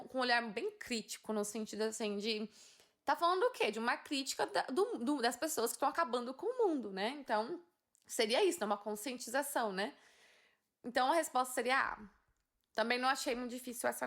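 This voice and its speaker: A woman's voice: on the high side, a bit bright. A young woman with a Northeastern Brazilian accent, tinged a bit Paulista, talking through exam answers in a chatty way, thinking aloud and asking little tag questions. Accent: Northeastern Brazilian Portuguese, slightly Paulista. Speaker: English student reviewing exam questions. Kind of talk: casual exam walkthrough.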